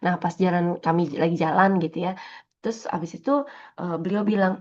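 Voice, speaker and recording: A woman's voice: fairly low pitch, steady tone, brisk, a little mellow, highs cut off. A woman giving a casual morning devotional talk, conversational and full of fillers and tag questions. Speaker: devotional speaker.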